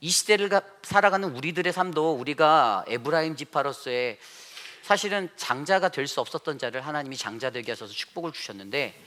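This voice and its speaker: A man, a pastor, preaching a Sunday sermon in a church, animated, with rhetorical questions and acted-out quotes. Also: fairly high pitch, brisk. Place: church sanctuary.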